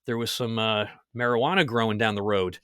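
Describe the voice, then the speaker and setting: Animated storytelling man, dry close sound. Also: fairly low pitch, fairly quick, clear, resonant tone, dry recording. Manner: storytelling, animated, laughs at own jokes. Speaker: podcast host. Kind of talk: casual chat.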